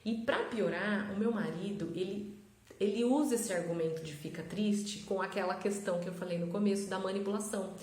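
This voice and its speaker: A woman's voice: medium pitch, a little fast, darkish tone, roomy sound, slight background noise. A woman, a mother talking reflectively and conversationally about parenting in a casual stories monologue. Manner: reflective, conversational, frequent tag questions. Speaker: mother of triplets sharing parenting advice.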